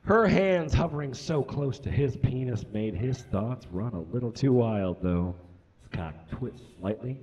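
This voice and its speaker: This young comic reader stays theatrical and over the top as he reads his story on the curtained, brick-walled stage. The recording is muffled, carrying a mid-range, darkish voice that's animated yet measured in pace.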